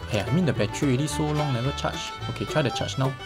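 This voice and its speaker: Singaporean accent guy in his 20s talking to himself in singlish, casual gaming vlog, exclaiming a lot, clear music in the background. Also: mid-range voice, rapid-fire. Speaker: vlogger. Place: small bedroom, indoors.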